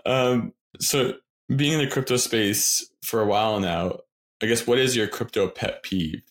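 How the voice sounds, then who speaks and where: Deep-voiced, encouraging podcast host. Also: male voice, measured pace. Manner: upbeat, encouraging. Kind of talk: casual interview conversation.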